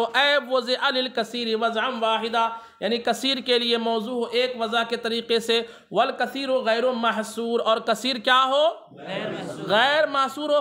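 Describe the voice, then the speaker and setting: Male religious teacher, lecturing, high bright voice, keeps asking and answering his own questions. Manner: asks the class a question, then answers it himself; reads Arabic text slowly, then explains it. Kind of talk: classroom lecture.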